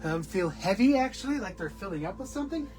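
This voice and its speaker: A man talking casually on a home live-stream vlog, halting and rambling with many restarts, short of breath. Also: sits high, sing-song, over music, poor audio. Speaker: vlogger. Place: at home indoors. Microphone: camera on a small tripod.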